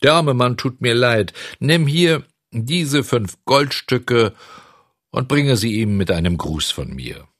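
A man doing a gruff, fearsome theatre director. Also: medium pitch, animated, slow pace, no echo, clean studio sound. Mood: kindly.

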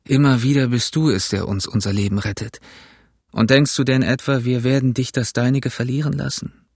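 A man's voice: medium pitch, vocal fry, slightly rough, no room sound, studio quality. A man playing an earnest, fatherly ship's doctor. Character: stern but kindly male ship's doctor. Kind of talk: audiobook character reading.

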